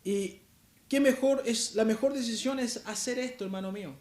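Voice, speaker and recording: High-voiced Chilean preacher in an echoey church. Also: male voice, moderate pace, a little mellow. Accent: Chilean Spanish. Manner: earnest, conversational, frequent "¿cierto?" tag questions. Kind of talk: sermon. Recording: echoey church room, faint hiss.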